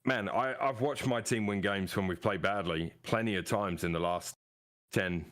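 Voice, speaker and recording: Man, low voice, football podcast co-host, easygoing, stammering. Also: moderate pace, fairly bright tone. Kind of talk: casual football chat.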